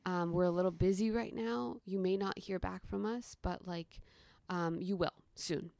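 A woman's voice: on the low side, moderate pace, creaky, dry recording. A young adult woman, a podcast guest, telling her stories casually and animatedly, acting out the dialogue with lots of "like.". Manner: animated, acts out quoted dialogue, frequent "like". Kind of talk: casual storytelling interview.

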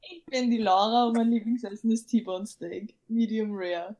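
A woman's voice: medium pitch, steady tone, normal speed, dark tone. A young woman guesting on a casual podcast, chiming in with short, playful quips. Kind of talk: casual chat among friends.

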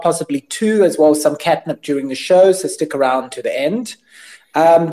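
A man's voice: a little high, mellow. A man hosting a casual group call interview show in a polite, welcoming manner. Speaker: host of an online NFT project interview show.

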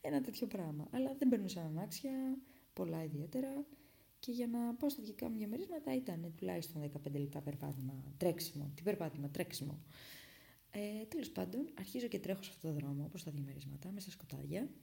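A young woman from Greece telling a personal story in a casual, dramatic way, dropping to whispers and rising to loud bursts. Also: fairly low pitch, animated, creaky. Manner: dramatic retelling that swings between hushed whispers and loud bursts.

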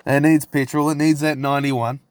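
A man's voice: on the high side, little pitch movement, a little fast, a little mellow, dry recording, studio quality. A man hosting a solo podcast, ranting casually in a brash, sweary, tongue-in-cheek frat-bro manner. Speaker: podcast host.

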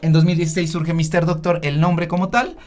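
A Mexican man speaking in a slightly high register. He tells stories from his work as a doctor with a dry, sarcastic humor, talking loosely to a panel. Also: little pitch movement, brisk, a little mellow, faint music behind. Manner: sarcastic, joking storyteller. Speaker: doctor and social media health creator. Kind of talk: panel talk, personal storytelling.

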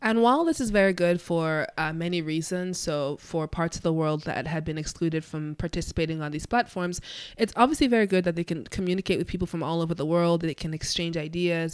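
A woman with a fairly low, clean-toned voice delivers a solo monologue on her own podcast, working through ideas conversationally, explaining and thinking aloud. A cold makes her sound nasal and congested. The studio recording is clean, with no room sound.

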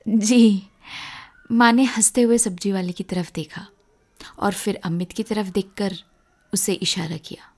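A woman narrating a children's story, reading slowly and expressively. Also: medium pitch. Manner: slow, expressive reading with voiced dialogue.

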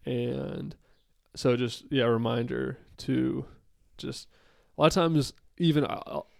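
A man's voice: medium pitch, slow, vocal fry, darkish tone, no room sound, clean studio sound. A man in his late twenties in a casual, thoughtful chat with his partner, rambling with many fillers and restarts. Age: late 20s.

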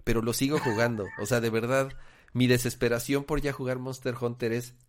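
A man's voice: medium pitch, flat delivery, brisk, slight background noise. A man, eagerly chatting on a panel and stumbling through restarts. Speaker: co-host. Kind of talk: casual panel chat.

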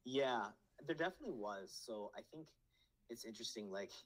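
A man's voice: medium pitch, lively intonation, brisk, rough recording. A man in his thirties, born in Nepal, telling his career story as a guest in a casual video-call interview, with many fillers. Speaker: business developer, guest.

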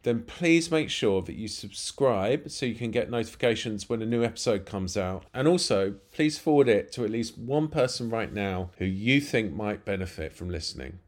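A man's voice: on the low side, expressive, moderate pace, few pauses. A man hosting a podcast, reading a scripted intro and asking questions in an earnest, encouraging way. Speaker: podcast host.

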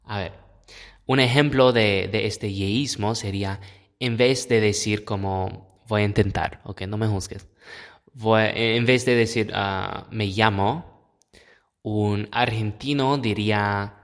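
Slow, low-voiced man hosting a podcast. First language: English. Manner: hesitant, many filler "ah"s, self-deprecating. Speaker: podcast host. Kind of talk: casual educational monologue.

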